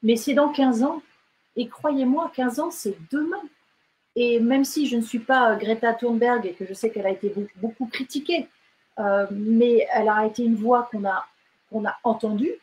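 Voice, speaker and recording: Hesitant woman author, high voice. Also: normal speed, a little mellow, rough recording. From France and Britain. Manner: hesitant, many fillers and restarts. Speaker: novelist guest. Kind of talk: casual interview talk.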